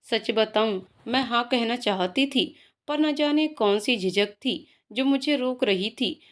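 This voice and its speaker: Soft-spoken woman reading a heartfelt story aloud, bit high pitched. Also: lively intonation, slow. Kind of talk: first-person story narration.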